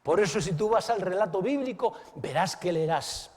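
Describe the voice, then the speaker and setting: A man preaching a sermon as pastor. He is dramatic, swings between exclamations and hushed asides, and keeps asking the listeners questions. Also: high voice, lively intonation, normal speed, long reverb tail. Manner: asks the listeners direct questions.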